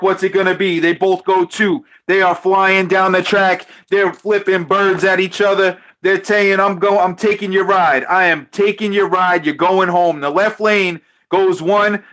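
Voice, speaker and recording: A man calling a diecast car race live with an excited play-by-play, repeating his calls, stumbling over names and losing his voice. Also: sits high. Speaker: race commentator.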